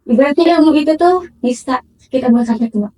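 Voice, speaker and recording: Young woman trainee, high voice. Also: fairly quick, mellow, recorded from a distance. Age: 20s. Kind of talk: casual interview answers.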